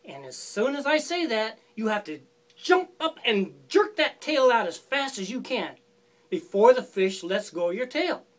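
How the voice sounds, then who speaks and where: A scheming male fox with a smooth, persuasive way of talking, put on by a woman telling the tale. His lines swing up and down with lively, playful pitch. He sounds like a storybook trickster. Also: measured pace. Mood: coaxing. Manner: coaxing, falsely friendly instructions.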